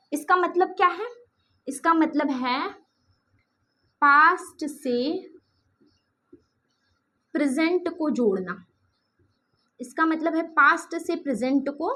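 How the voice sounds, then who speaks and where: A woman's voice: high-pitched, a bit bright. A woman teacher explaining a grammar lesson, speaking examples, often repeating herself and checking that students follow. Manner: repetitive, checks understanding often.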